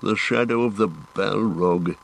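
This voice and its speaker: A man voicing a stout, gruff male dwarf warrior with a hearty, blunt manner, changing the tone of his voice for the part. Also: fairly low pitch, a little slow.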